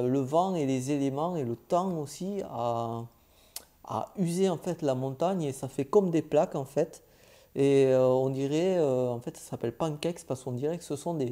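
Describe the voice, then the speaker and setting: Very dark-voiced chatty male vlogger. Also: medium pitch. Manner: hesitant, many filler "euh"s, chatty and informal. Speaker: travel vlogger. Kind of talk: casual travel recap vlog.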